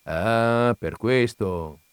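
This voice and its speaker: A man's voice: fairly low pitch, very slow, smooth, no room sound, clean studio sound. A man reading an audiobook, voicing a fat, jovial middle-aged man who is garrulous and boastful, chatty and confiding.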